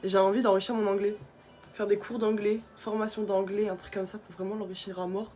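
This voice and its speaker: A woman's voice: mid-range voice, flat delivery, a little fast, a little mellow, faint music behind. A young woman from France chatting casually through her skincare routine, with many fillers. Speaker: beauty vlogger.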